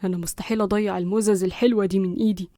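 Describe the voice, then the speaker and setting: A woman voicing a sneaky young grandson with an Egyptian accent, talking low and sly. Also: fairly even intonation, racing, no room sound, clean studio sound, lightly acted. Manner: hushed, sly.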